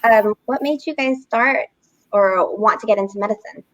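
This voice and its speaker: A woman's voice: on the high side, normal speed, no room sound, poor audio. A woman co-hosting an interview who reacts to her guests in a gushing, admiring way and asks them follow-up questions. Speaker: podcast co-host.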